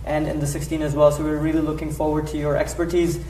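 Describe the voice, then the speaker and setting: A man's voice: on the high side, completely flat delivery, fast talker. Distant, roomy young man moderating. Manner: polite, gently prompting, many fillers. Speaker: press conference moderator. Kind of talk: moderating a press conference. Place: press conference room. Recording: roomy and distant with faint background noise.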